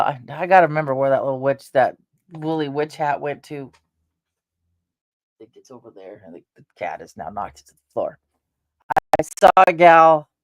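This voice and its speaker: A woman's voice: low-pitched, dry recording, studio quality. A woman in her fifties, hosting her own channel in a rambling casual chat, wandering between thoughts with hesitations and restarts. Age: 50s. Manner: meandering, with frequent hesitations and restarts. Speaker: channel host.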